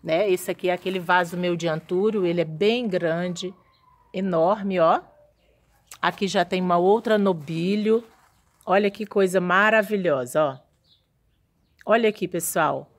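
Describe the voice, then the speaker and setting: A woman's voice: lowish voice, measured pace. A woman giving a casual walking tour of her home orchid house, chatting admiringly as she shows her plants to viewers. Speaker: orchid grower vlogger.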